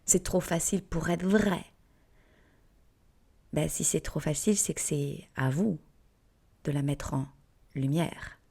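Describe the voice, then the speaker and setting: A woman's voice: low voice, takes it slowly, vocal fry, long pauses, mellow, breathy edge. A woman with a Southern French accent, teaching in a casual, chatty way with playful asides and frequent fillers, sometimes dropping to a whisper. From France. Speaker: yoga teacher and podcast host.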